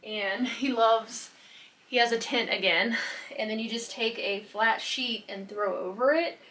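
A woman's voice: fairly high pitch, a little slow, fairly bright tone. Woman, 30s, chatty home vlogger, rambling delivery with lots of fillers, recorded close on a phone in a small bedroom. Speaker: lifestyle vlogger. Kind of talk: casual day-in-the-life vlog chat.

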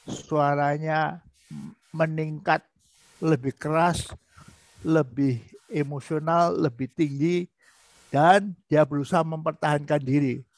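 A man's voice: a little high, steady tone, takes it slowly, long pauses, no echo. A man giving a sermon-style lesson on marriage, now and then acting out quarrelling spouses in raised voices. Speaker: pastor teaching on marriage.

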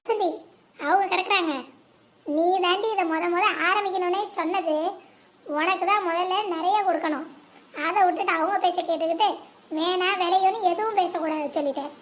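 A performer voicing a generous, bossy village elder sister who scolds and cares in the same breath. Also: female voice, very high voice, normal speed. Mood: firm. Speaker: lead sister running a home business.

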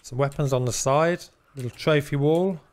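A man's voice: a little high, normal speed, darkish tone. A man giving casual, chatty live gameplay commentary with some teasing. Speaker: game streamer.

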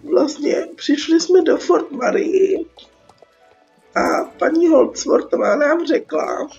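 Sick with a cold, a young woman with a Czech accent hosts a gaming video in a high-pitched, gravelly, darkish voice with lively intonation. Her casual commentary is rambling, slangy and sarcastic, set as dull lo-fi audio over game music.

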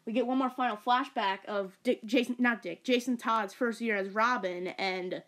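A young woman giving a casual movie review, rambling and excitable, full of fillers and stumbles. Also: a little high, normal speed.

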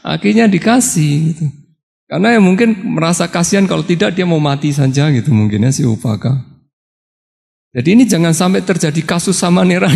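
Gravelly high-voiced monk in a reverberant hall. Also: male voice. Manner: lively, acts out quoted characters, laughs often. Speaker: Buddhist monk teacher. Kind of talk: dharma talk with storytelling. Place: meditation hall on retreat.

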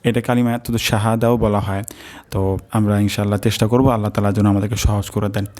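A man teaching prayer recitation, drilling each syllable slowly and patiently with prayerful asides. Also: fairly low pitch, little pitch movement, a little mellow. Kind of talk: recitation lesson.

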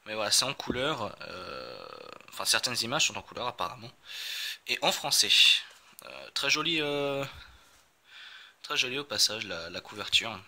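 A man's voice: mid-range voice, sing-song, normal speed, vocal fry, pauses often, bright, forceful tone. A man chatting casually as he unboxes a game, rambling with many fillers and self-corrections.

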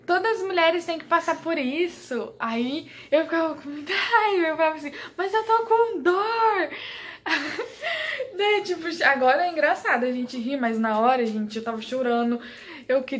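Uma jovem mulher brasileira, vlogueira, contando em tom casual e animado uma experiência pessoal, rindo muitas vezes e imitando diálogos. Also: female voice, fairly high pitch. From Brazil. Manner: animated, laughs often, quotes people in dialogue. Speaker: vlogger. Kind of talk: casual storytelling.

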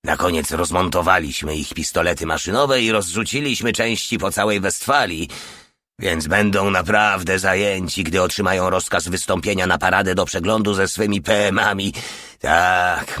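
A man's voice: deep voice, normal speed, sharp tone, no room sound. A man narrating a first-person war audiobook with a dry, wry delivery.

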